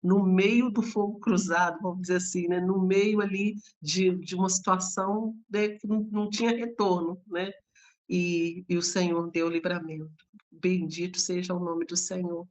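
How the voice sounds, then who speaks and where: A woman host with a low voice offers devotional encouragement to the women listening. Her delivery is earnest and prayerful, and her pitch stays steady and flat. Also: normal speed.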